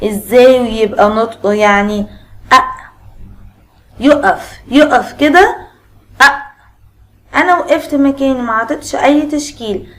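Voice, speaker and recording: A woman's voice: high voice, normal speed. A woman with an Egyptian accent, a primary school teacher giving a children's reading lesson, asking the class questions and repeating sounds. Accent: Egyptian Arabic.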